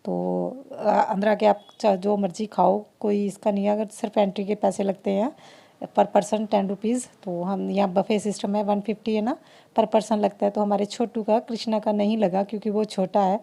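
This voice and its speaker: A woman's voice: medium pitch, level tone, moderate pace, creaky, dark tone. A woman, chatting through a family vlog in a rambling, heartfelt way. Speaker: family vlogger. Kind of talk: casual vlog narration.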